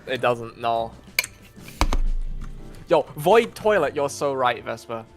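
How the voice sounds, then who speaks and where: A man's voice: mid-range voice, animated, slow pace, over music. A man in a casual online voice chat, bantering bluntly and teasing the others. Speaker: stream co-host.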